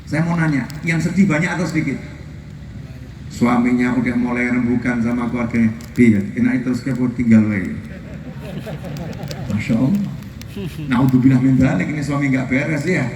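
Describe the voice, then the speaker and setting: Man, lively sermon, animated, distant mic, faint outdoor ambience. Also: mid-range voice, a little fast, roomy sound, a little hiss or hum. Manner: animated, shouts and mimics people. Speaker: preacher. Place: outdoor field gathering.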